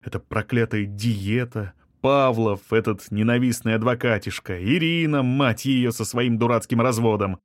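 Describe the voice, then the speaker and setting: A man giving a steady, measured audiobook narration. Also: mid-range voice, no echo, studio quality. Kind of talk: scripted narration.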